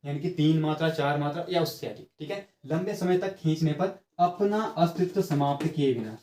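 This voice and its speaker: A man's voice: on the high side, normal speed, warm tone, a little hiss or hum. A man giving an exam-prep grammar lesson, explaining step by step, checking in with his students and stretching sounds out to demonstrate them. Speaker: teacher. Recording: echoey room.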